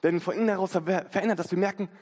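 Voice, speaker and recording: A man's voice: high voice, fairly even intonation, racing, a little mellow. A man in his twenties preaching a sermon in a casual, slangy way, acting out inner voices, recorded in a church hall. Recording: long hall reverb.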